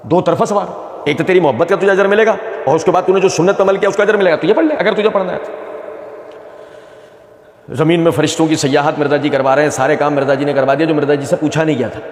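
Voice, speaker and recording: A man giving argumentative religious commentary, mocking and repeating phrases for emphasis. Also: fairly high pitch. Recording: echoey room with long reverb.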